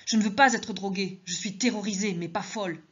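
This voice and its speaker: A woman author reading her own story aloud in the first person, with measured, tense narration. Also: medium pitch, fairly even intonation, fairly bright tone, breathy edge, lo-fi sound.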